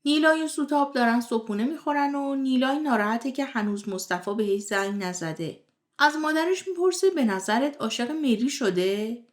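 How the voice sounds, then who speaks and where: A woman retelling the episodes of a television drama in scripted narration, moving briskly from scene to scene. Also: high voice, lively intonation. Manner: brisk retelling of scenes in plain third person. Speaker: series recap narrator.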